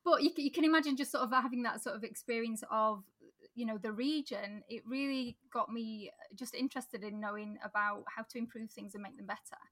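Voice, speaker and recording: A woman's voice: on the high side, fairly even intonation, a little fast, fairly bright tone. A woman with a Yorkshire accent, a political candidate, talking conversationally in an interview and laughing often. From Sheffield, England. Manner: chatty, laughs often, frequent restarts.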